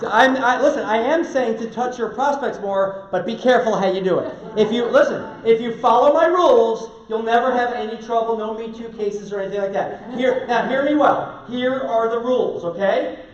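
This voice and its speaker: A man giving a lively seminar talk, chatty and energetic, asking his audience questions. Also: very high voice, normal speed. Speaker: seminar speaker. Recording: distant mic, echoey hall, dull lo-fi sound.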